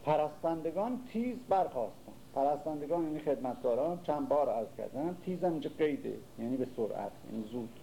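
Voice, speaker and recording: A man with a Persian accent giving a lecture on classical poetry, reciting verses slowly and then explaining them in casual, everyday speech. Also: medium pitch, gravelly, warm tone, slight background noise, poor audio. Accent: Persian (Iran). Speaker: literature lecturer.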